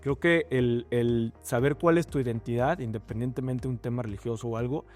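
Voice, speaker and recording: A young man with a Mexican accent, a startup founder talking through a relaxed, reflective interview with many fillers. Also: mid-range voice, fairly quick, faint music behind. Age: young adult. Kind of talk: casual interview conversation.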